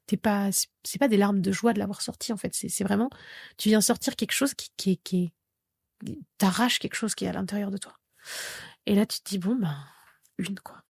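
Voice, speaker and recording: A woman in her thirties recounts a personal experience as a podcast guest, with a mid-pitched voice. She tells it vividly and acts out the remembered dialogue. The recording is dry and close, with no room echo. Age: 30s. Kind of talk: personal storytelling in a podcast interview.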